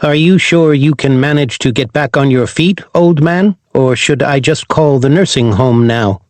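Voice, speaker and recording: A man's voice: medium pitch, moderate pace, darkish tone, no room sound, voice pushed up, natural voice. A man voicing a male robot corgi who talks in a formal, precise way and mocks his crewmates. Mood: mocking.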